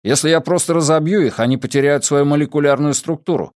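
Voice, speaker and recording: A man voicing a grumbling young male sharpshooter with quick retorts in an audiobook. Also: on the high side, darkish tone, dry recording, studio quality, voice pushed up, lightly acted. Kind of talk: audiobook character voice.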